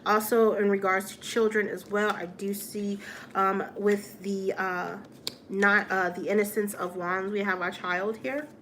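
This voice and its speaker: A woman reads tarot cards in a chatty, casual way, with a voice of middle pitch. She sounds upbeat and encouraging and keeps checking in with "all right?" A faint noise sits behind her voice. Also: flat delivery, a little slow, a bit bright. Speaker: tarot reader.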